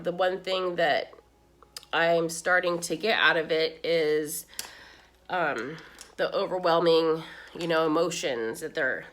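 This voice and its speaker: Woman, middle-aged, lowish voice, crying, rambling casual chat, heartfelt. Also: fairly bright tone. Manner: rambling, many "you know"s, tearful and heartfelt. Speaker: makeup vlogger. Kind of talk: casual chat while doing makeup.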